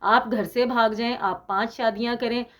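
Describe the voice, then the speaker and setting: A woman's voice: fairly high pitch, steady tone, moderate pace, a bit bright. A woman from Pakistan giving an opinionated commentary monologue as a YouTuber, indignant and sarcastic, scolding with emphasis.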